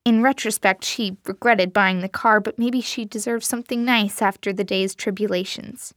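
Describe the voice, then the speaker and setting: A woman's voice: medium pitch, steady tone, moderate pace, a bit bright, no room sound. Woman narrating a story, dry sound.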